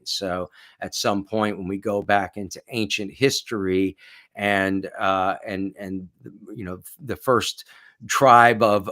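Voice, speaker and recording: Very deep-voiced rambling man. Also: fairly bright tone. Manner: rambling, hesitant, many fillers. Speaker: host of a reading stream. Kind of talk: casual reading and commentary.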